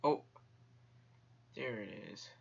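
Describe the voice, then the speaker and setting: A young man, a gaming YouTuber, does let's-play commentary on a horror game, speaking slowly in a fairly bright voice with the highs cut off. He's jumpy, talks to the characters on screen, and drops to a whisper when things get tense.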